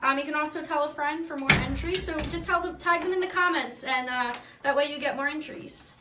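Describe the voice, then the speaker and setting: A woman's voice: high voice, a little fast, echoey room, recorded from a distance, heavy background noise. A woman on a live stream explaining contest rules step by step, with uh fillers. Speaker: co-host explaining giveaway.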